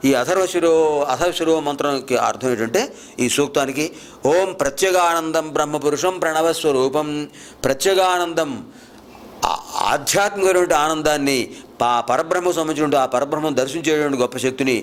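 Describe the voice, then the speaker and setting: Male spiritual lecturer, slightly high, smooth resonant voice, slow chanting then brisk explanation. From India. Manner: chants verses slowly, then explains quickly. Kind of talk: discourse explaining scripture.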